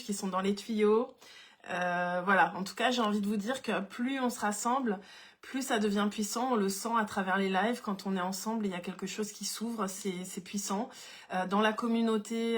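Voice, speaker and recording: A woman hosting a spiritual live stream, greeting viewers by name and often pausing on "euh" and restarting her sentences. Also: medium pitch. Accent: French. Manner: warm greetings to viewers, many fillers and restarts. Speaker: live seminar host.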